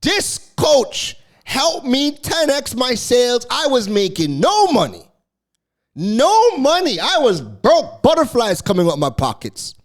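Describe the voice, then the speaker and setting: A man voicing an over-excited coaching client who gushes breathless, fawning praise. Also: extremely high pitch, slow pace, pitched above the performer's own voice, heavily acted. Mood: gushing.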